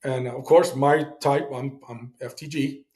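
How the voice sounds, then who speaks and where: A middle-aged Navy veteran, appearing as a guest, tells his service story bluntly and casually, swearing and acting out dialogue. His voice is mid-range and a little mellow, and he takes it slowly.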